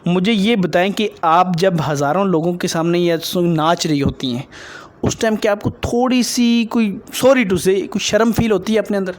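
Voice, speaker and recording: A man interviewing a dancer for his video, probing her and lecturing her on religion and morals. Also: high-pitched.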